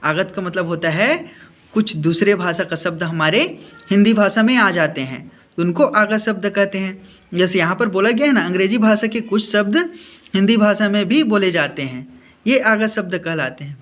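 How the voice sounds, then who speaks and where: Man, teacher, high pitch, slow patient explaining, questions to the class. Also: a bit bright. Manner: repeats and explains slowly, asks children questions.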